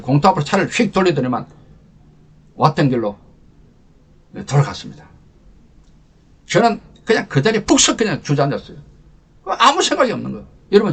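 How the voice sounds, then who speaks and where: An older man, a lecturer and channel host, tells an emotional personal war story as a leadership talk, swinging from loud to hushed. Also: on the high side, slightly rough.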